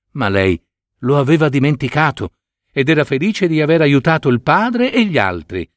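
A man reading a fairy tale aloud with expressive, varied intonation. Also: medium pitch, no room sound, clean studio sound. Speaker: storyteller.

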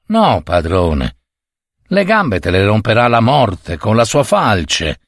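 A man reading a story aloud, voicing a sly, toothless old servant who grumbles in a low, muttering voice. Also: very animated, slow pace, dry recording, heavily acted. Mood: grumbling.

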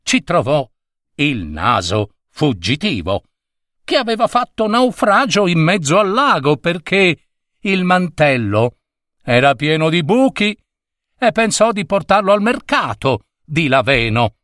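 A man reads a children's story at an unhurried pace, with a lively, animated melody. His delivery is expressive and the sound is dry and close. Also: fairly high pitch, no echo.

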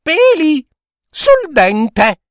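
A man's voice: very high-pitched, wildly swooping pitch, drawn-out words, no echo, studio quality, voice pushed up, full character voice. A man voicing a bold little princess who teases with sing-song rhymes. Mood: teasing. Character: cheeky little princess girl, bold and teasing.

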